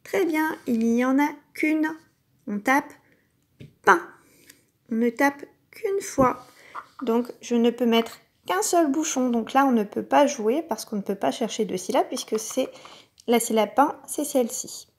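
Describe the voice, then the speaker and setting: A woman teacher giving a recorded lesson to young children, speaking patiently and sounding out each syllable clearly. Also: high-pitched, measured pace. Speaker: kindergarten teacher.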